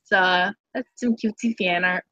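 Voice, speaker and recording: A young woman chatting casually on a live stream about her artwork, giggly and full of quick asides. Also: fairly low pitch, fairly even intonation, sharp tone, no echo. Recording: muffled lo-fi mic.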